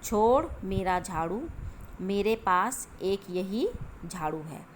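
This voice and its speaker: A woman teacher voicing an old woman in a storybook, shouting slowly for her broom back. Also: medium pitch, slight background noise, lightly acted. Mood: pleading.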